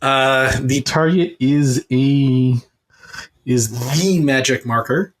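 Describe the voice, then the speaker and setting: A man's voice: medium pitch, slow pace. A man running a tabletop game as game master, asking his players questions.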